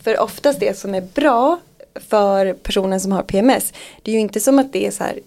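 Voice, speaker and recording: Woman podcast co-host with gravel in her voice, lively and chatty, acts out quotes. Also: mid-range voice. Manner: animated, acts out quoted dialogue. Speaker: podcast co-host, women's health clinician. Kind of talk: casual podcast chat.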